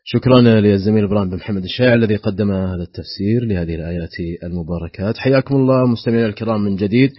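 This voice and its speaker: Fast-talking husky radio host. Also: male voice, on the low side, no echo. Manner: welcoming, announces and asks questions. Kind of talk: hosting a radio call-in lesson. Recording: dull lo-fi radio sound.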